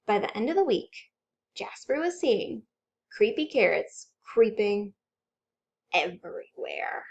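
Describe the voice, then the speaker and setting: A woman's voice: mid-range voice, very animated, takes it slowly, creaky, highs cut off. A woman working as a children's librarian, reading aloud expressively with dramatic, suspenseful delivery. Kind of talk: animated children's story read-aloud.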